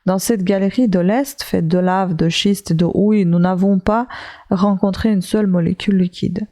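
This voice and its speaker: A woman's voice: medium pitch, steady tone, moderate pace, dark tone, natural voice. A woman reading the lines of a stubborn, obsessive old male professor in a commanding, insistent way.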